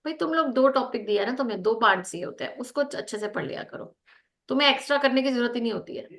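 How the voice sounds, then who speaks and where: A woman with an Indian accent giving brisk corrective feedback and a lecture on a video call, mixing Hindi and English. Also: fairly high pitch, animated, fairly bright tone. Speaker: group discussion trainer.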